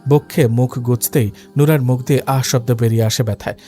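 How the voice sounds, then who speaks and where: A man narrating a dramatic story in a steady, scripted reading. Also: mid-range voice, a little fast. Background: faint background music.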